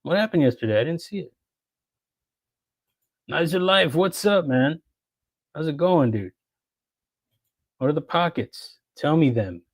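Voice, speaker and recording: A man's voice: a little high, expressive, a little slow, long pauses, no echo. Laid-back man greeting stream viewers. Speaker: livestream host. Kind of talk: casual livestream chat, reading comments.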